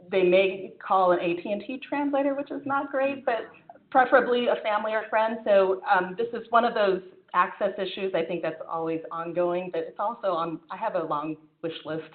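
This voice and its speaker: A female physician with a somewhat low voice presents at a conference and then takes questions. She talks conversationally, with frequent fillers and restarts. The conference room recording has an echoey, phone-like sound.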